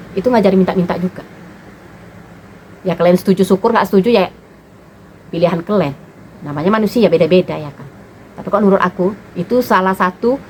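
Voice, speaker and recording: Woman, thirties, blunt and animated, casual vlog monologue. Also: medium pitch, slight background noise, poor audio. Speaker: mother and vlogger. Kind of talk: casual monologue giving parenting opinions.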